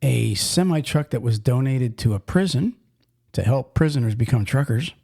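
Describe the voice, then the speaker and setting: A man's voice: mid-range voice, lively intonation, normal speed, gravelly, dark tone, husky. A man hosting a casual trucking podcast, talking in a folksy, rambling way with frequent restarts. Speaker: podcast host.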